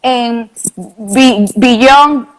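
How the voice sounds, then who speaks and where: A woman's voice: on the high side, extremely slow, slight background noise, rough recording. Woman, laughs easily. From Venezuela. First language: Spanish. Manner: friendly, laughs often, talks in short fragments. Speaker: interior designer, guest. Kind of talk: live online interview. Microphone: video call.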